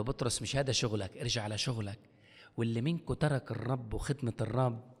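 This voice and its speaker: Man, pastor, bright gravelly voice, long hall reverb. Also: medium pitch. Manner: animated preaching, acts out voices, scolds and pleads. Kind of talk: sermon.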